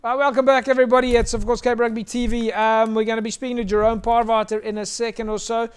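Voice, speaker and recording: A man's voice: very high voice, little pitch movement, fast talker, clean tone, soft background music. A South African man hosting a live rugby show, presenting casually in a chatty, hesitant way.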